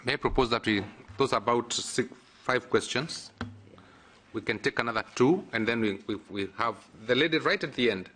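Guy chairing the panel, sharp bright voice, brisk, faint background hiss. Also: medium pitch. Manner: brisk, organizing the order of speakers. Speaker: session chair.

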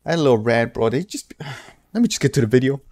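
Man, reaction host, mid-pitched, animated slangy ranting. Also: fast. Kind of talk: casual reaction commentary.

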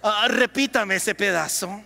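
A man's voice: sits high, unhurried, gravelly, sharp tone. A man preaching a sermon as pastor, calling on the congregation to repeat lines after him. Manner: preaching with call-and-response to the congregation. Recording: long hall reverb.

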